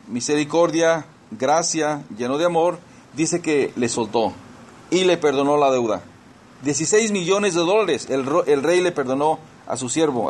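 A man's voice: on the high side, a little hiss or hum. A pastor preaching a sermon. He explains scripture verse by verse, repeats key words for emphasis, and speaks directly to his congregation as brothers and sisters.

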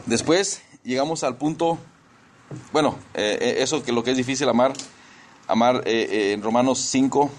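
A man's voice: medium pitch, normal speed, a little hiss or hum. A man preaching a conversational sermon in church, often repeating words as he searches for the next one.

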